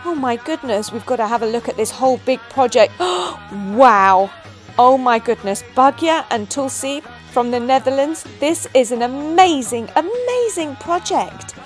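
A woman's voice: high-pitched, animated, normal speed, soft background music. A woman narrating a children's story who gushes with exclamations. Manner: gushing, exclamatory.

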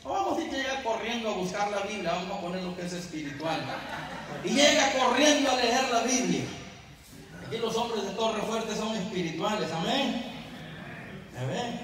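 High-voiced male preacher in an echoing hall. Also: animated, normal speed, a crowd in the background. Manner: storytelling, asking the congregation questions. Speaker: Bible teacher. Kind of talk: sermon. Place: church hall. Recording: echoey church hall, mic at a distance.

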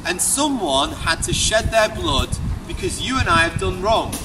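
A man in his thirties from the UK preaching an open-air street sermon, projecting loudly and firing rhetorical questions at passers-by. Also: high-pitched, expressive, unhurried. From United Kingdom. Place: outdoor pedestrian shopping street. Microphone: far camera, unmiked open air. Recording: distant voice with street noise. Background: street ambience and passers-by.

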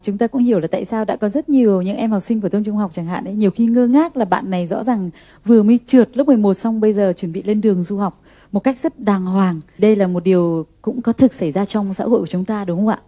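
A woman host speaking to the audience in a formal, polite way. Her voice is quick and mellow. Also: mid-range voice. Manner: formal, addresses viewers. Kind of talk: TV talk show hosting.

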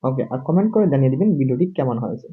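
A man's voice: mid-range voice, animated, racing, slightly rough. Male tutor, lo-fi home lesson, repeats each word, keeps checking "see?". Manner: repetitive, drills words over and over; keeps asking "see?" to the viewer. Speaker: English teacher. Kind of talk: classroom-style video lesson. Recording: dull lo-fi recording.

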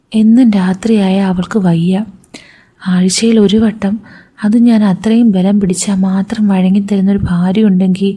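A woman's voice: medium pitch, dark tone, breathy edge. A woman voicing a smug, unfaithful young son-in-law who speaks cool and unapologetic.

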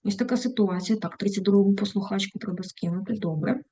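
A woman's voice: mid-range voice, fast talker, dark tone, husky. A woman teacher giving an online English lesson, reading textbook lines aloud and translating them, with fond little asides to her students. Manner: affectionate diminutives to students.

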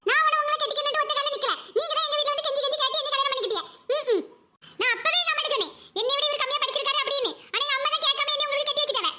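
Brief: woman voicing a defiant young wife, very high and fast, noisy track. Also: heavily acted. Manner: defiant, clipped refusals. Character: stubborn young educated wife. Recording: loud background noise.

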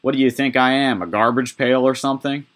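A man's voice: mid-range voice, fairly even intonation, a little fast, a bit bright, voice pushed up, close to an everyday voice. A man voicing a mean, scornful stepmother who snaps at the girl. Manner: snappish, scornful.

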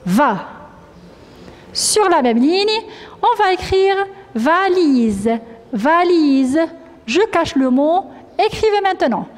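A woman teacher giving a dictation to young pupils, slowly repeating each word and syllable. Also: high voice, big-room sound. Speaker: primary school teacher. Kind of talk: classroom dictation lesson.

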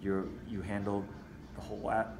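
Interviewed inside a martial arts gym with mats, a trainer explains things casually and conversationally, saying "you know" a lot. His lowish voice is creaky, with little pitch movement, at a moderate pace. Recorded by a camera a few feet away, the echoey room has noise and faint music in the background.

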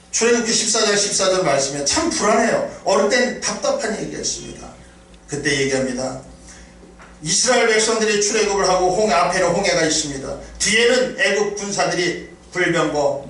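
A man's voice: sits high, animated, brisk, fairly bright tone. A middle-aged man preaching a sermon as a pastor. He speaks emphatically and rises into quoted prayers. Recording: echoey hall from far off, faint noise.

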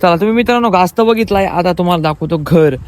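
A man's voice: high voice, quick pace, clear, resonant tone. Chatty young man vlogging outdoors. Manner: chatty, addresses viewers as friends. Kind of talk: casual vlog chat. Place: rural farmyard and fields, outdoors.

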